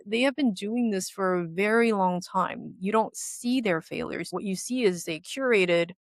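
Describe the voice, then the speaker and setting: A woman's voice: mid-range voice, unhurried, no room sound. A woman who works as a coach, co-hosting a conversational podcast in a reflective way and laughing between thoughts.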